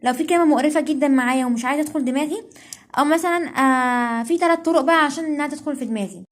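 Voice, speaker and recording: A young Egyptian woman tutoring at a breakneck clip, her voice sitting high. She keeps checking in with "okay?" and restarts her sentences, explaining casually as she writes. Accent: Egyptian Arabic. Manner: rapid, checks in with "okay?" constantly, self-correcting. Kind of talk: casual study tips while writing.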